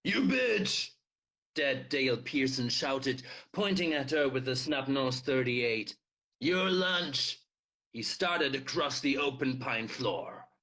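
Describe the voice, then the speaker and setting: A man reading a novel aloud, animated, with loud acted dialogue. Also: medium pitch, unhurried, hardly any pauses. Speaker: reader.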